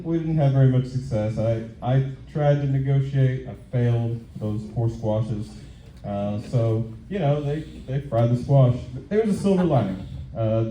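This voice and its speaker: A man doing stand-up on stage at an open mic, talking in a halting, conversational way and repeating his phrases. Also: mid-range voice. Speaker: stand-up comedian. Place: live comedy venue on stage. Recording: echoey room, dull muffled sound.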